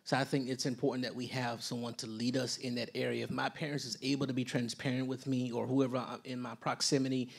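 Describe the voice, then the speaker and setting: A man speaking as a guest on a panel in a measured, earnest way, stumbling over a word now and then. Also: mid-range voice, level tone, creaky. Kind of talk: panel discussion.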